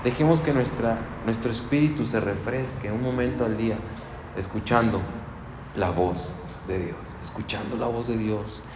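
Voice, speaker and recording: A man with a Mexican accent preaches in a loose, conversational way, often restarting his sentences and drifting into personal asides. His mid-pitched voice rings around a church hall with long reverb. A faint hum of background noise sits behind him. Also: moderate pace. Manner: relaxed storytelling, with frequent restarts and asides. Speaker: pastor. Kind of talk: conversational sermon.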